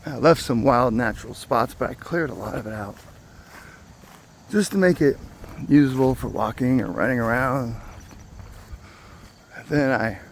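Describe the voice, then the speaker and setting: A property owner tours his wooded rural land outdoors, narrating in plain, rambling, casual talk. He speaks at a medium pitch and a moderate pace, with long pauses. Outdoor background noise and insects are clearly audible behind him.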